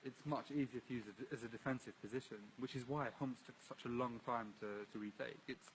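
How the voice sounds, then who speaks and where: A man's voice: mid-range voice, fairly even intonation, a little fast, rough recording. British syrian guy explaining ruins outside, earnest, repeats himself, bit of background noise. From British Syrian, born in London. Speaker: local guide. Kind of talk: casual walking chat on a livestream. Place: outdoors among ruined buildings.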